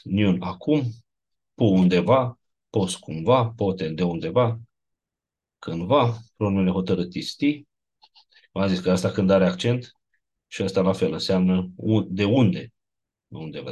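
A man's voice: low-pitched, pauses often, darkish tone, slightly rough. A man teaching a lecture class, explaining grammar step by step and checking in with his students.

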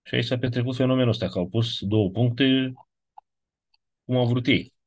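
A man's voice: mid-range voice, dry recording. A man giving an online lesson, explaining step by step and often checking in with his listeners. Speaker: teacher of biblical Greek. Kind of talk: online lecture.

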